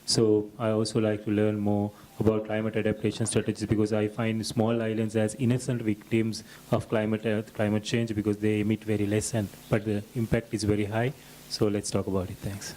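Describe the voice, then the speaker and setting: A man's voice: fairly low pitch, monotone, brisk, mellow. A man from Sri Lanka introduces himself steadily and earnestly at a workshop.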